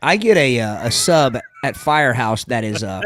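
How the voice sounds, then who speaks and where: A man's voice: mid-range voice, expressive, moderate pace, a bit bright. A man co-hosting a podcast in casual chat, joking with playful wordplay. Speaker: podcast co-host.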